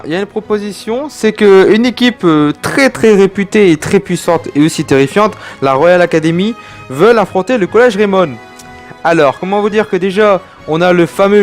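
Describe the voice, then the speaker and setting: Rambling young Frenchman, slightly high voice. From France. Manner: rambling and digressive, chatty asides to viewers. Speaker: anime reviewer. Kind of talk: casual anime review monologue.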